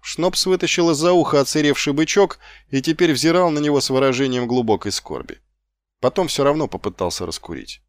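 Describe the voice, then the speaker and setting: A man narrating an audiobook in measured, expressive storytelling. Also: mid-range voice, dry recording, clean studio sound.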